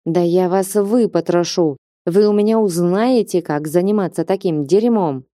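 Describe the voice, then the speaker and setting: Женщина озвучивает грубого злобного мужика. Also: female voice, on the low side, normal speed, warm tone, no echo, studio quality, lightly acted. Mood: snarling. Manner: snarling, contemptuous. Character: coarse aggressive grown man, foul-mouthed.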